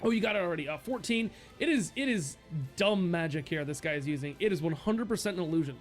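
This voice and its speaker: A man narrating a tabletop role-playing session as game master. He halts often and restarts his sentences. His voice sits high, with faint music in the background. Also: lively intonation. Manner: halting, full of fillers and restarts.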